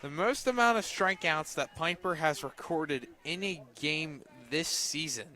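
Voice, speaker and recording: A man calls a softball game live on the radio, giving short present-tense play-by-play that lifts on the plays. His voice is a little high and his pace a little slow.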